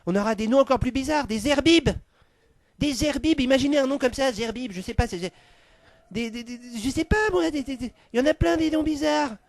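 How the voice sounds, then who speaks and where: A man's voice: very high-pitched, a little fast, no room sound, voice pushed up. A man playing a ranting fanatic leader. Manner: ranting, stammering, whipping up a crowd. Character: fanatical male rabble-rousing leader. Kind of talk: comic sketch.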